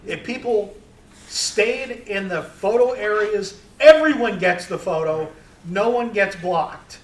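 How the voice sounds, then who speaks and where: A middle-aged man speaks to a live audience about his work, rambling and full of fillers. His voice sits a little high. The recording is distant and roomy with faint hiss. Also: takes it slowly. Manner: rambling, with many fillers and restarts. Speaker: sports photographer giving a talk. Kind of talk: casual talk to an audience. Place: room with an audience.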